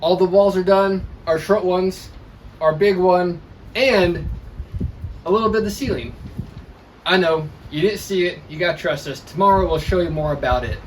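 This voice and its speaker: Upbeat builder explaining on a noisy site. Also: male voice, sits high, normal speed. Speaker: builder hosting a construction vlog. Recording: loud site noise behind.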